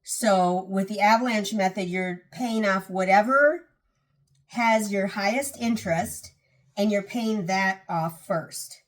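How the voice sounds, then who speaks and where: A tired but earnest woman gives debt advice straight to her viewers. Her pitch sits mid-range for a woman, and she talks in a relaxed, conversational way. She often restarts a phrase and repeats key points to drive them home. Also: slow pace. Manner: earnest, self-correcting, repeats for emphasis. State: tired, yawning. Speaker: personal finance vlogger. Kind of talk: casual talk to camera.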